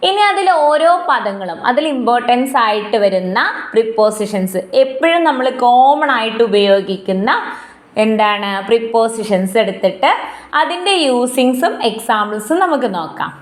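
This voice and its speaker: A woman with a Malayali accent teaching English grammar, reading definitions aloud slowly and asking the listener questions. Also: fairly high pitch, animated, reverberant. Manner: repeats points and asks the listener questions. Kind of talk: explanatory lesson with slow read-aloud definitions.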